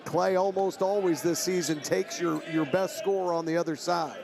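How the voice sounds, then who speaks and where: A man's voice: sits high, moderate pace, vocal fry. A man giving conversational, opinionated color analysis during live basketball commentary in an arena. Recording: crowd noise from basketball arena.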